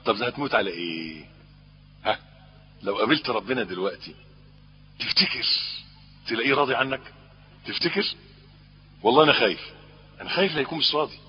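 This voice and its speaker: Husky Egyptian preacher in an echoing hall. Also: male voice, fast talker, long pauses. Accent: Egyptian Arabic. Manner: lively, rising to emphatic peaks, then dropping low; asks the audience questions. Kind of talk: Islamic sermon. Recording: husky voice, long hall reverb, dull lo-fi sound.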